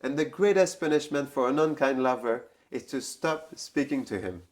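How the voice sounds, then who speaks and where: A man's voice: medium pitch, moderate pace, lightly acted. A man telling a story and voicing a hurt but resolute young girl. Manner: wounded, resolute.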